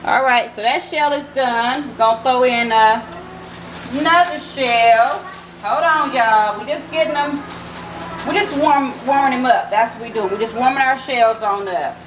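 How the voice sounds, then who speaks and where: An unhurried woman with a slightly high voice chats with her audience, calling them "y'all" and "baby," in a casual cooking vlog shot in her home kitchen. The sound is echoey, with noise behind her.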